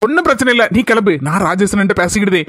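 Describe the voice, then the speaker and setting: A woman's voice: medium pitch, lively intonation, rapid-fire, fairly bright tone, no room sound, studio quality. A woman voicing a persistent, playful young man courting a girl in a cartoon comedy, coaxing and chatty in Kanyakumari Tamil. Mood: teasing.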